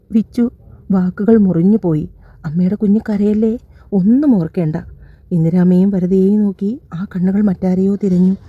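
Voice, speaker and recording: A woman's voice: fairly low pitch, dry recording. A woman narrating a scripted audio love story, voicing every character's lines in her own voice. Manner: reads all characters' dialogue in her own voice, slightly raised. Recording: dull dry lo-fi recording.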